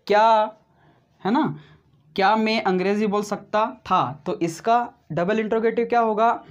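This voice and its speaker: In a video grammar lesson, a high-pitched man speaks slowly and deliberately, saying he explains things step by step and calling viewers his friends. He repeats every example, keeps tagging on "right?", and the audio sounds dull.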